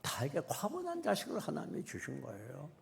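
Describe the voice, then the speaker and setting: Gravelly-voiced male pastor preaching. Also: on the high side, huge pitch swings, brisk, slight background noise. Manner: conversational preaching with rhetorical questions. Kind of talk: sermon.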